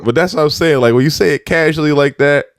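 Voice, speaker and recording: A young man co-hosting a podcast, chatting casually and telling animated, profane stories. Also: fairly high pitch, quick pace, no echo, clean studio sound. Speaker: podcast co-host. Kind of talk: casual chat.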